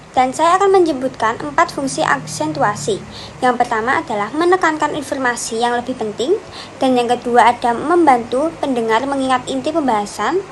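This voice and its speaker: Reading her numbered points in a steady list, a student presenter delivers a class presentation, leaning on "dan yang kedua" again and again. Her voice sits high, and the low-quality recording carries faint background noise.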